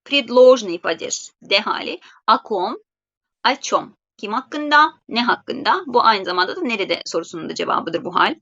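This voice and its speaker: A woman with a fairly high, bright, forceful voice gives a live online grammar lesson. She explains step by step and slows down carefully for each example phrase. The sound is dull and lo-fi, like audio from a video call. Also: animated. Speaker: Russian language teacher.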